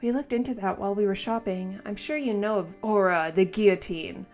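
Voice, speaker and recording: A woman's voice: medium pitch, brisk, lightly acted. Woman reading as a stern, dry elf mage.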